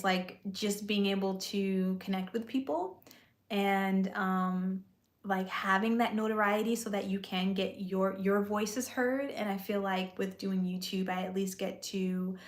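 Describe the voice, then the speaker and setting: In an echoey room, a woman who vlogs and aspires to act chats freely with viewers on her live stream. She's relaxed and soothing, leaning on "like" and "you know," with a medium-pitched, creaky voice.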